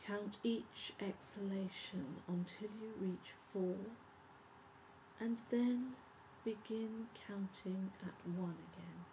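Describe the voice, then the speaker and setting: A woman leading a guided breathing meditation in a soft, soothing, measured spa voice that often trails toward a whisper. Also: mid-range voice, steady tone, rough recording. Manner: measured, instructive. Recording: faint background noise and ambience.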